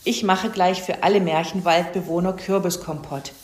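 Kind mother hedgehog, brisk and snuffly, echo around, woman reader. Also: fairly low pitch, steady tone, lightly acted. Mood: friendly. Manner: friendly and brisk, snuffling "nuff nuff". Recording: roomy echo.

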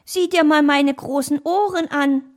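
A woman's voice: high-pitched, unhurried, pitched above the performer's own voice. A woman doing a timid long-eared hare. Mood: curious. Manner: anxious, careful. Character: timid hare with big ears.

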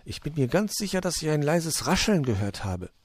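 A man voicing a calm, kindly male helper character who speaks gently and politely. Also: on the high side, moderate pace, no echo, pitched above the performer's own voice. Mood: gentle.

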